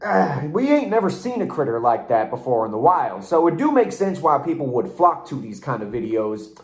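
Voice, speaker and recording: A man's voice: medium pitch, big pitch swings, moderate pace, reverberant. A man giving a casual interview remark in folksy rural dialect.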